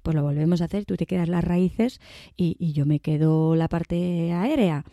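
A woman's voice: lowish voice, normal speed, dark tone, no room sound, natural voice. A woman voicing a crafty male peasant who coaxes and placates a bear. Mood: pleading. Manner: coaxing, placating.

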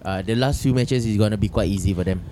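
A man's voice: on the low side, quick pace, background noise. A man with a Singaporean Singlish accent chatting casually about sport as a podcast panellist, in colloquial phrasing. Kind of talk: casual chat.

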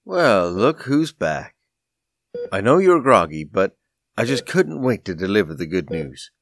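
A man's voice: lowish voice, sing-song, measured pace, a bit bright, no room sound, studio quality, heavily acted. A man voicing a cheerful male surgeon with breezy, joking bedside talk.

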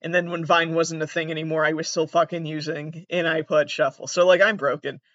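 A man from the United States with vocal fry and a monotone, deadpan delivery, hosting a podcast as a casual, self-deprecating, sweary comedic monologue. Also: fairly high pitch, a little fast, no echo, muffled recording. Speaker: podcast host.

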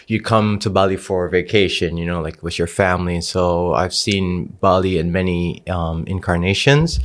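A man's voice: deep voice, fairly even intonation, moderate pace. A man who grew up in Indonesia, a podcast guest talking in a laid-back, rambling way full of "you know"s. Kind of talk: casual podcast chat.

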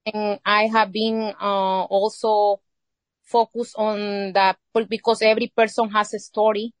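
Level in tone and mid-range in voice, a Salvadoran woman speaks accented English, her first language being Spanish. As a guest in a relaxed interview, she stops often while hunting for words; the recording has no room sound.

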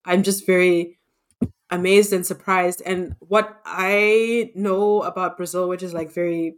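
A woman's voice: fairly low pitch, steady tone, a little slow, smooth. A woman hosting a podcast interview who asks curious, encouraging questions in a casual chat. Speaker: podcast host.

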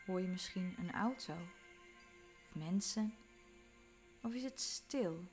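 Woman, calm meditation guide, unhurried delivery, faint music underneath. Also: medium pitch. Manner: slow, calm, soothing instructions with soft whispered moments.

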